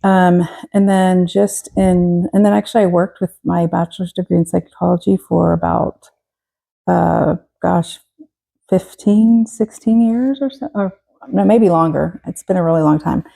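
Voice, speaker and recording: Texas woman in her 40s, gravelly warm voice, lots of ums and restarts. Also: lowish voice, unhurried, rough recording. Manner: hesitant, many fillers and restarts. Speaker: guest. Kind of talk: casual interview.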